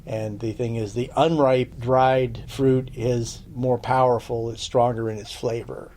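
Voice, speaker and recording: A man's voice: medium pitch, level tone, measured pace, a little mellow. A man giving a casual spoken lesson on herbs for a podcast, chatty and checking in with his listeners, with dry sarcastic asides. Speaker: herbal lore teacher on a podcast.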